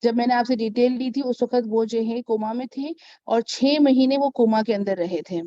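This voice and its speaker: A woman's voice: fairly high pitch, steady tone, moderate pace, mellow, no echo. A woman mentoring on network marketing in a casual advice vlog, telling stories in a chatty way, checking in with her listener and acting out the people she talks about. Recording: dull, lo-fi sound.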